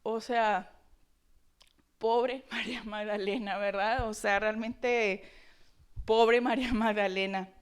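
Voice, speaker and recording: A woman preacher delivering a Sunday sermon with expressive, dramatic rhetorical questions. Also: mid-range voice, slow pace, pauses often, smooth.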